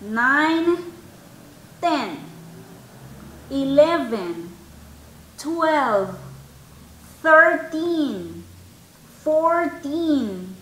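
Woman, English teacher, high voice, unhurried, patient, on a video call in an echoey room. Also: slight background noise. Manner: patient, asks students questions, mixes Spanish and English. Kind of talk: online class teaching.

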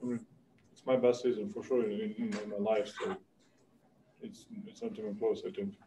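A young male basketball player answering postgame press questions calmly, searching for words, in a press room. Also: normal speed, noisy background. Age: young adult. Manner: calm, low-key, searching for words. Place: press room before a sponsor backdrop.

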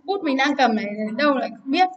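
A woman's voice: sits high, animated, fast, lo-fi sound, a little hiss or hum. A woman teaching English word stress to children, repeating words and urging her pupils to hurry and write. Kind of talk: online class teaching. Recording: voice from a distance.

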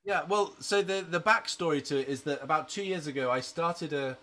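Brisk and fairly bright, sitting on the high side, the voice belongs to a thirty-something British musician being interviewed over video call from a small attic room. He comes across earnest and outspoken, dropping in "you know" often, and the sound is captured through a laptop webcam.

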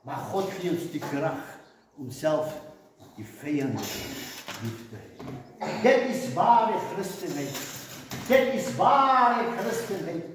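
A man's voice: fairly high pitch, sing-song, takes it slowly, darkish tone, slight background noise. A man preaching a sermon in an emphatic, repetitive way. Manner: emphatic, repetitive preaching with rising and falling stresses. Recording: echoey hall, voice far from mic.

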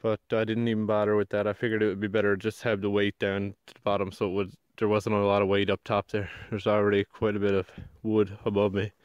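An easygoing bushcraft vlogger in a spruce forest chats in a relaxed way, explaining as he works, in casual narration. His voice is on the low side, fast, with hardly any pauses and a clean tone. There's no room sound, though the handheld or mounted action-camera recording is muffled.

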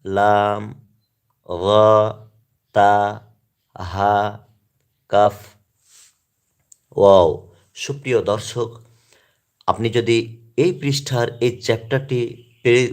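Man teaching quran letters, slow careful spelling out, lowish calm voice. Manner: slow, deliberate letter-by-letter recitation; calm explaining to viewers. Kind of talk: slow recitation lesson.

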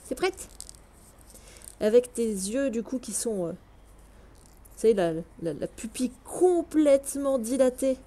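A woman's voice: a little high, lively intonation, slow pace, pauses often, warm tone. A woman giving casual, chatty gameplay commentary at home on a headset, gushing and exclaiming and chatting to her cat between bits of play. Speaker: let's play gamer. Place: home room, indoors.

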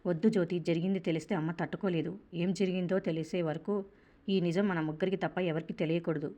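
A woman's voice: on the low side, fairly even intonation, fast, warm tone, natural voice. A woman voicing a tearful, troubled grown son. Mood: distressed. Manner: pleading, troubled speech. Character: grief-stricken grown son, worried and tearful.

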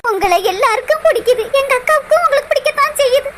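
A woman's voice: very high voice, expressive, quick pace, noisy background. A woman voicing a lovesick young woman in a cartoon, tearful and pining, in a southern Tamil Nadu accent. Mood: heartbroken. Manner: sobbing, plaintive. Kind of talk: cartoon voice acting.

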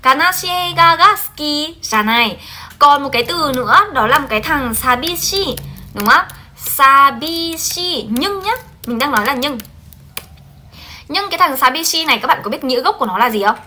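Bright, lively woman teaching online. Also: sits high, a little fast, a little hiss or hum. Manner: lively, coaxing, checks in often with the class. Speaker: Japanese language teacher. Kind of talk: livestream translation lesson.

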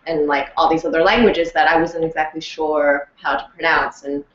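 A woman actor chats casually and tells a story with animated energy, often breaking into laughter. Her voice sits a little low, and the recording sounds roomy and lo-fi. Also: moderate pace. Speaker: actor and audiobook narrator. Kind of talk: casual chat.

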